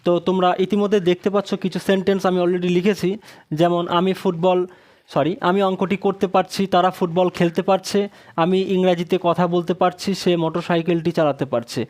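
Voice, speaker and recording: A woman's voice: on the low side, level tone, a little mellow. Woman teacher dictating at a board. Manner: dictates English sentences slowly, word by word; often checks in with a questioning "right?". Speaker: spoken English teacher. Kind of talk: classroom lesson at a board.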